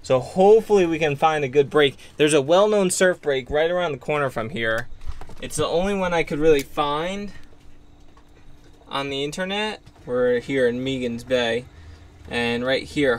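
A young man vlogging from a sailboat, explaining boat work to the camera in a relaxed, loose way with fillers. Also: mid-range voice, measured pace. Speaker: sailing vlogger. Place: aboard a sailboat at anchor, on deck and in cabin. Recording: outdoor boat and water noise.

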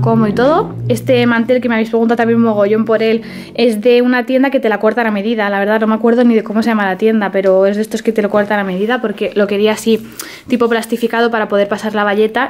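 A young woman chatting casually as she walks through her flat on a handheld phone, laughing often. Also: medium pitch, quick pace. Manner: chatty, laughs often, lists items offhandedly. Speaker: beauty vlogger giving a home tour. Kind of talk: casual home tour walkthrough. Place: small apartment, indoors. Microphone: handheld phone camera.

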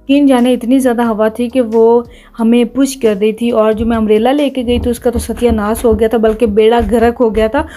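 Woman in her 30s vlogging at home, bit high, soft warm tone, keeps laughing. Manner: chatty, laughs often between sentences. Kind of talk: casual vlog narration.

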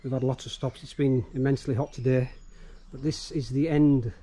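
A man's voice: medium pitch, moderate pace, breathy edge. Middle-aged man narrating a bike trip. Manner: relaxed, many fillers. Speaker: bikepacking vlogger. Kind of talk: casual travel narration. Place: outdoors on canal towpath. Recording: faint outdoor background noise.

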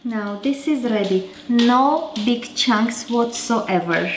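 Cooking and chatting at once, a woman in her thirties hosts a casual home cooking show from her kitchen. She speaks slowly in a voice on the high side, over a noisy background with faint clatter in the roomy space.

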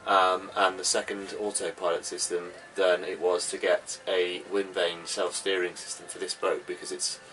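Soft music plays in the background as a man in his thirties gives a plain-spoken tour of the gear in his sailboat's cramped cabin. His low-pitched, fairly bright voice moves at a moderate pace with little pitch variation and few pauses. The indoor recording uses a slightly distant mic with faint background noise.

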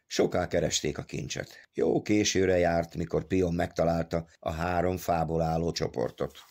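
A man narrating an audiobook in a measured storytelling manner. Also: low voice, fairly even intonation, gravelly, darkish tone. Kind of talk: scripted narration.

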